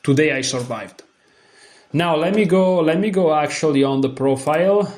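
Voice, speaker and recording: A man's voice: fairly high pitch, normal speed, darkish tone. A man talking casually to his viewers about his chess tournament, chatty and self-deprecating, sounding worn out. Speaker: chess vlogger. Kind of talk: casual vlog commentary.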